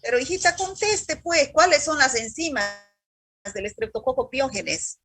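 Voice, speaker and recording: A woman's voice: sits high, expressive, normal speed, a bit bright. A woman teaching a university microbiology class over a video call, quizzing students by roll call in a stern, scolding way.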